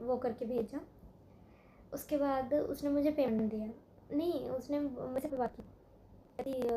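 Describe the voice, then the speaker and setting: High-voiced woman retelling a dispute. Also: slight background noise. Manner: animated retelling, acting out both sides of a phone argument. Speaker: vlogger. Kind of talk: casual storytelling vlog.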